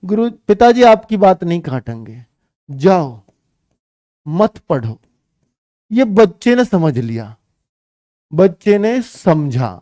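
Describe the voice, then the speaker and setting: A man teaching an exam-prep grammar class, talking slowly and repeating each phrase for his students. His voice sits high and sounds smooth and clear. The recording is dry and close, with no room sound. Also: sing-song, dark tone, no echo. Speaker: Hindi teacher.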